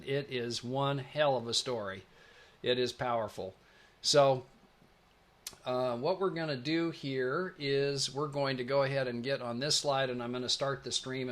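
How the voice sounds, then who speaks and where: Hosting a live video-call presentation, this Pacific Northwest man speaks with a sharp, medium-pitched voice. He comes across as chatty and enthusiastic, wandering off on tangents full of filler words.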